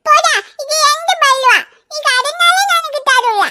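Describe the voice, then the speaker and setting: A woman's voice: extremely high pitch, measured pace, bright, forceful tone, full character voice. A woman voicing a stubborn, possessive little schoolgirl in a cartoon, whining and crying as she pleads. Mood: whiny stubborn. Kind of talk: cartoon voice acting.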